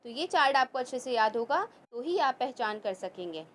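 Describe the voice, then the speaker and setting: A woman teaching a children's Quran class, explaining and reciting slowly and carefully. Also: high voice, expressive, slight background noise. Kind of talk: children's tajweed lesson.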